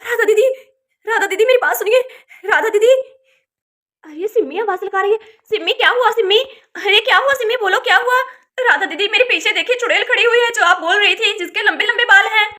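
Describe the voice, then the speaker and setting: Brief: woman playing a frightened young sister-in-law, shrill and urgent, doll-story voice. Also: fast, few pauses. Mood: panicked. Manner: loud, urgent calling out.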